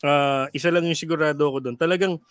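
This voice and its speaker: A man's voice: on the high side, fairly even intonation, fast talker, dry recording, clean studio sound. A middle-aged man, a radio DJ guest, chatting casually in a joking, rambling way, mixing in English and many fillers. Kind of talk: casual studio chat.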